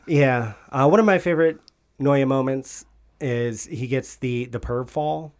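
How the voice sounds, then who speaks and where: A man's voice: medium pitch, unhurried. A man co-hosting a casual podcast, rambling and swearing freely, laughing often between his thoughts. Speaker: podcast co-host.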